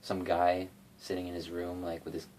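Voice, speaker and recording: The delivery is completely flat and the speed normal as this young man, a deep-voiced cover singer and guitarist on YouTube, rambles in vlog fashion about doing covers. Fillers and restarts pile up, and the phone recording from his bedroom has a noisy background.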